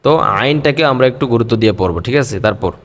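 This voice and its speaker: A man teaching a patient pronunciation lesson on Arabic letters, in a mid-pitched voice. He says each letter slowly and stretches it out in a half-sung way. His voice rings on in a long hall reverb. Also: lively intonation.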